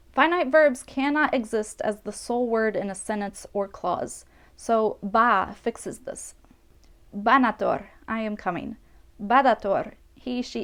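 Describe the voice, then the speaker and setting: A woman with a slightly high voice narrates a scripted grammar lesson. She reads each example phrase slowly and carefully, then gives its translation in an even, instructive way. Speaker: language teacher.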